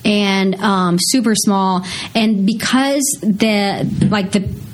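A woman's voice: medium pitch, steady tone, slow. A woman in her thirties, born in South Korea and raised in Missouri, tells her story in a casual interview, laughing often and filling her talk with "like" and "you know". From born in South Korea, raised in rural Missouri. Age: 30s. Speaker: guest.

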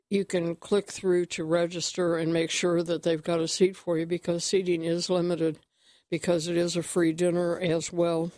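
A woman hosting a morning health radio show, chatting casually, slightly out of breath and clearing her throat often. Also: lowish voice, darkish tone, no echo, clean studio sound. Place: radio studio.

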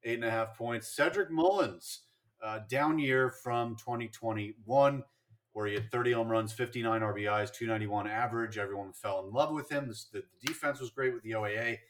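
A man's voice: medium pitch, a little fast. A man co-hosting a casual sports podcast, chatting and rattling off statistics with fillers and restarts. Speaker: podcast co-host.

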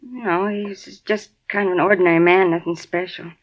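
An actress with a lowish, steady voice speaks at a moderate pace, acting lightly. She portrays a chatty, flustered middle-aged apartment building manager in a 1950s radio drama, someone who rambles, gets defensive and repeats herself. It's a dull, lo-fi 1950s radio recording.

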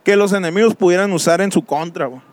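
A man's voice: high-pitched, fast talker, no room sound. A man hosting a casual podcast, telling a story with slang and mock-formal phrasing. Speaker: podcast host.

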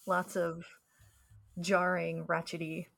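A woman co-hosting a podcast over a video call, explaining insects in a relaxed, casual way with easy laughter. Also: on the low side, slow, gravelly. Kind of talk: casual chat.

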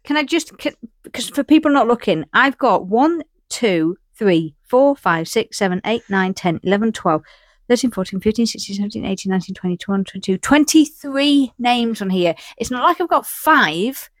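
A woman's voice: a little high, lively intonation, normal speed, no room sound. A woman co-hosting a podcast in casual chat, teasing and exasperated as she plays a quiz. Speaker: podcast co-host.

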